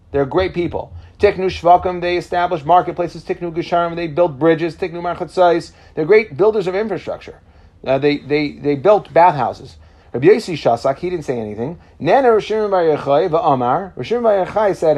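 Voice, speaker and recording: A man giving an informal Talmud lesson in Yeshivish speech with Yiddish-inflected Hebrew pronunciation, reading phrases and explaining them as he goes. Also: a little high. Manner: explanatory, checking in with "right?". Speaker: Torah teacher.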